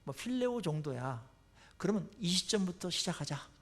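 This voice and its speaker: A man voicing God as a gentle coach. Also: sits high, very animated, normal speed, gravelly, heavily acted. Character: God as a patient, fatherly coach.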